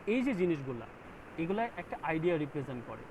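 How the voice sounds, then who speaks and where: A man's voice: fairly high pitch, sing-song, fast talker. Man teaching over a noisy video call. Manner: explains step by step and keeps checking understanding. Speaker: graphic design instructor. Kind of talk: online class lecture.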